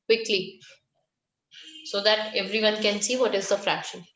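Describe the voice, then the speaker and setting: A woman's voice: mid-range voice, level tone, normal speed, fairly bright tone, slight background noise. A woman with an Indian accent instructing children as a maths teacher in a live online class, switching between English and Hindi. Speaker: primary school maths teacher. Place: indoor room, online video class. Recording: muffled, echoey online class call.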